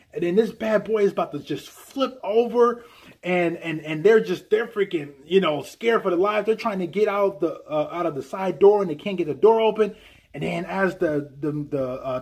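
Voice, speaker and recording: A man casually recapping a film scene, excited and animated, full of fillers and restarts. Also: sits high, slightly rough. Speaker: film commentator.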